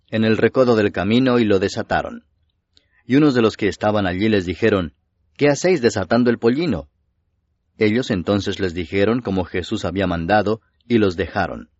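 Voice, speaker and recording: A man reading scripture aloud in a steady, measured way. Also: fairly low pitch, no room sound. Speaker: Bible reader. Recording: dull, dry lo-fi voice recording.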